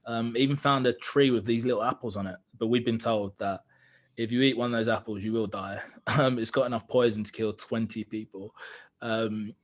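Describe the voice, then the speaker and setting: A man's voice: mid-range voice, steady tone, moderate pace. A young man telling a personal story as a podcast guest, candid and earnest, with frequent fillers. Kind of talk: reflective storytelling in conversation.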